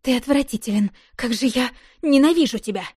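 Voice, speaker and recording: A woman's voice: medium pitch, fairly even intonation, normal speed, dark tone, no room sound, studio quality, lightly acted. A woman voicing a furious young sister who shrieks with contempt.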